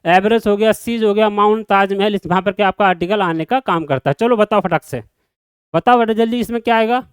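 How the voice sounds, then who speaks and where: Man drilling grammar with a high voice. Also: fast, smooth, no echo. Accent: Hindi. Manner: repetitive drilling questions to students. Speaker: grammar teacher. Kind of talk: classroom lecture.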